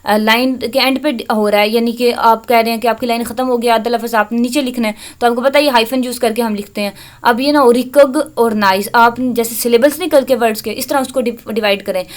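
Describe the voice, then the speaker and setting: A woman teaching an English grammar lesson. She reads English example sentences slowly, then explains them briskly in Hindi-Urdu. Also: on the high side, fairly even intonation.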